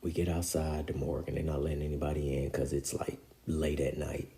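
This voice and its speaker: A man with a very deep, gravelly voice tells a personal story in loose, slangy talk. His tone is dark and mellow, and it sinks toward a hush when the story gets heavy. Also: little pitch movement, brisk. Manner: emotional, drops to near-whispers in heavy moments; casual street slang, repeats filler phrases.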